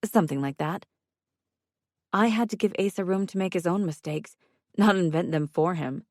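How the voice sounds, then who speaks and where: A woman narrating a first-person audiobook with measured, intimate storytelling. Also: on the low side, darkish tone, no room sound, studio quality.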